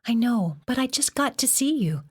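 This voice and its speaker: A woman's voice: on the high side, lively intonation, normal speed, husky, pitched above the performer's own voice. A woman reading as an earnest teenage girl. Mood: pleading. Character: seventeen-year-old girl, earnest and caring.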